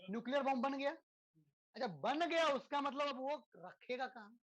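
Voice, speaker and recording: A male teacher gives a relaxed physics lesson to students. He keeps checking in with tag questions and leans on rhetorical questions and everyday examples to make his points. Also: very high-pitched, normal speed, muffled recording. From India. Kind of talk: lecture to students.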